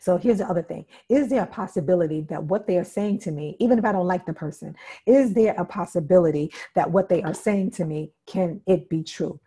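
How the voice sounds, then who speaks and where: Warm, low-voiced woman teaching. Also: fairly quick, slightly rough. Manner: emphatic, checks in with "okay?" and "right?"; repeats key phrases for emphasis. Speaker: workshop instructor. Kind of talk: interactive teaching talk.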